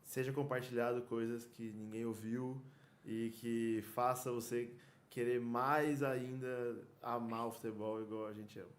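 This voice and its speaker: A man with a Brazilian Portuguese accent co-hosting a football podcast, talking in halting, restarting sentences. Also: mid-range voice, level tone. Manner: halting, restarts often, chuckles. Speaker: podcast co-host. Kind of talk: casual chat.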